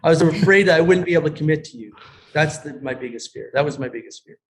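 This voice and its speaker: A man, a karate school owner, speaking earnestly and haltingly as a podcast guest on a video call. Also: on the high side. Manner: earnest, halting, many restarts. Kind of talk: casual interview chat.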